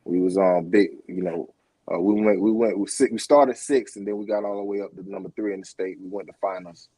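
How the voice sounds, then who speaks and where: Podcast guest: middle-aged Floridian man, low mellow voice, rambling with fillers, dry sound. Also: steady tone, a little fast, husky, no room sound. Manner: rambling, many fillers and restarts. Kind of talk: casual interview talk.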